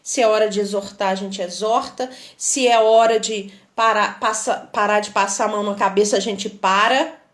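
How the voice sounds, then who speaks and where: A woman's voice: mid-range voice, moderate pace. A woman with a Brazilian Portuguese accent, hosting a live motivational talk and answering viewers, speaking emphatically and acting out what people say. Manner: emphatic, animated, acts out quoted dialogue.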